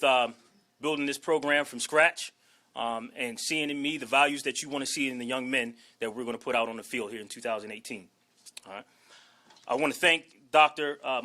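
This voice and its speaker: A man in his forties from Washington, D.C., speaks in a medium-pitched voice that sounds pushed and bright. As a new head football coach giving his introductory press conference speech, he's earnest and emphatic, holding back emotion and often ending lines with "okay?" or "all right?"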